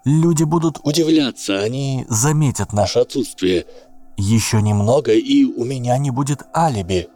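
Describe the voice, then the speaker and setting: A man's voice: mid-range voice, expressive, normal speed, dark tone, faint music behind, pitched above the performer's own voice, natural voice. A man voicing a cowardly male servant who stammers and pleads in a shaky, distorted voice. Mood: fearful pleading.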